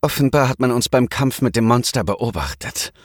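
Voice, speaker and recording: A man reading a German audiobook, voicing a weary, gentle dragon in human form who speaks calmly. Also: mid-range voice, moderate pace, no echo, studio quality, pitched above the performer's own voice, close to an everyday voice. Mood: serious. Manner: calm, placating.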